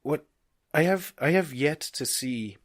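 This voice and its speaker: A man's voice: fairly high pitch, animated, a little slow. A man co-hosting a podcast in casual chat, blunt and opinionated, swearing freely. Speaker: podcast co-host.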